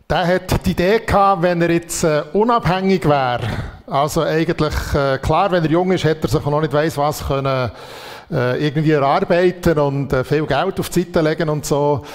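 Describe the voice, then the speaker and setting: Preacher in a reverberant hall. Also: male voice, fairly high pitch. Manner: reflective, with many fillers. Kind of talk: sermon.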